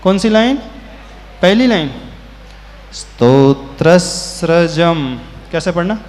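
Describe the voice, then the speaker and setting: A man, a Jain monk, teaching a scripture class, who patiently corrects pronunciation and chants verses in a drawn-out tune. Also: on the high side, darkish tone. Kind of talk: slow sermon-style class with chanted verses. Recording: hall reverb with faint ambient noise.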